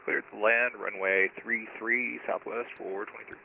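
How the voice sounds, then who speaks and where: A low, gravelly man's voice reads back a landing clearance through a cockpit headset radio. The channel is narrow and tinny, with clear static behind him. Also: fairly even intonation. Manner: brisk radio readback. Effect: pilot speaking over a cockpit headset radio. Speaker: pilot.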